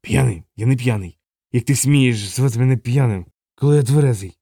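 A man's voice: mid-range voice, a little fast, vocal fry, mellow, no echo, studio quality. A man voicing a drunk male captain of the watch who slurs and blusters. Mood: drunken. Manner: slurred, blustering.

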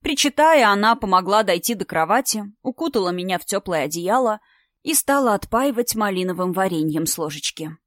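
A woman narrating an audiobook in the first person, steady and expressive. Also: medium pitch, fairly quick, dry recording, clean studio sound.

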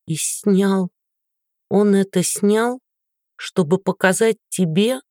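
A man's voice: high voice, slow, mellow, no room sound, studio quality, pitched above the performer's own voice. A man voicing a frightened teenage daughter who pleads tearfully with her father. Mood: stunned. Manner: pleading, tearful, breaking into cries.

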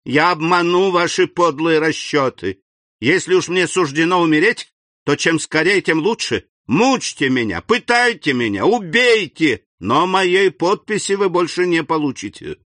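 Man voicing a desperate banker, high and pleading, lots of swing in the voice. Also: big pitch swings, a little slow, fairly bright tone, dry recording. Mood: frantic. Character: frantic aging male banker held captive.

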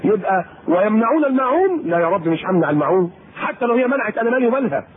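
An Egyptian man preaching a colloquial sermon to women, lively and teasing, acting out the people he quotes. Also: sits high, racing. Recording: tinny phone-like lecture tape with faint hiss.

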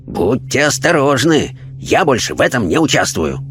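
A man voicing a loud, hot-tempered male religious fanatic spirit who talks in an indignant, preachy way. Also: mid-range voice, very animated, normal speed, background noise, pitched above the performer's own voice, close to an everyday voice.

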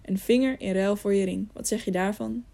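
A woman's voice: medium pitch, fairly quick, creaky, warm tone, lightly acted. A woman reading an audiobook, voicing a stern, harsh male robber chief who barks commands. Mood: gruff. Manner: barking, commanding.

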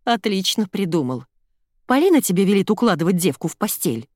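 A woman reading the part of a hurt, furious young woman who shouts accusations at her boyfriend. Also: sing-song, fairly quick, dry recording, clean studio sound. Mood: bitter. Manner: shrill, raised, accusing.

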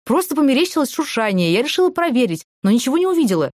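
A woman's voice: sits high, big pitch swings, racing, darkish tone, no echo, studio quality, voice pushed up. A woman voicing an awkward young female detainee in an audiobook, hesitant and sheepish. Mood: pleading.

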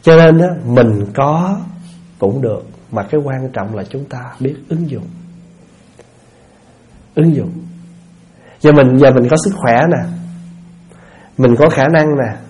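Male monk, relaxed warm tone, folksy sermon that keeps checking in with listeners. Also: medium pitch, takes it slowly, long pauses. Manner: folksy, asks listeners rhetorical questions. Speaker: Buddhist monk giving a dharma talk. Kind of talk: conversational sermon.

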